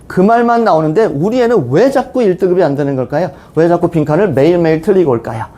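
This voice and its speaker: A man's voice: a little high, lively intonation, fast, dark tone. A man in his forties, an English teacher lecturing parents at a seminar, blunt and sarcastic, acting out students' voices.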